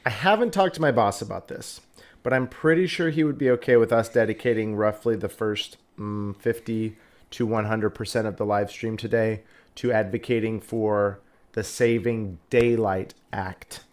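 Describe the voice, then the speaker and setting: A man's voice: on the low side, normal speed. A man hosting a casual live stream who rambles through a jokey story. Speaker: host.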